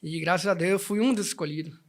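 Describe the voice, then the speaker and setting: In this casual interview chat, the guest is a man who presides over a band and comes from Salvador, Bahia, Brazil. He's a fast talker with a high-pitched voice who keeps starting his sentences over while telling his story.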